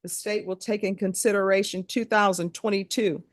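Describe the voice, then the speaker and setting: Woman judge doing formal courtroom questions, brisk and official, really dry close sound. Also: medium pitch, fairly even intonation, no room sound. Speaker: judge presiding over a plea hearing. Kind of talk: formal courtroom questioning, scripted legal recitation.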